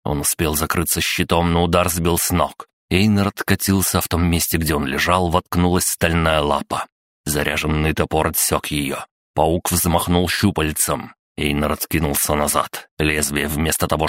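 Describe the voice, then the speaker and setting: A man narrating a story as an audiobook reader, steady and measured. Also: rumbling low, dry recording, clean studio sound. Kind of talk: scripted narration.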